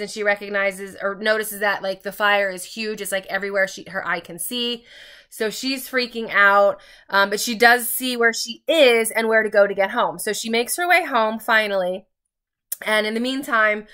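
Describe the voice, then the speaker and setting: A woman's voice: a little high, bright, forceful tone, clear, resonant tone. A woman recapping a story in a casual, chatty, rambling way, like a vlogger talking while getting ready. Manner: informal, rambling, backtracking. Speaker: book reviewer vlogger.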